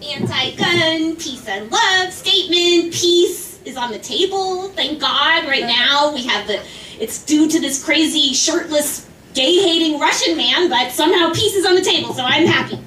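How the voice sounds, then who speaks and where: Her voice is high, bright, and forceful, expressive and a little slow, with slight background noise. Performing stand-up on a small club or class showcase stage, this woman spins a chatty, exasperated, meandering tale and imitates the people in it, recorded roomy and distant with faint ambience.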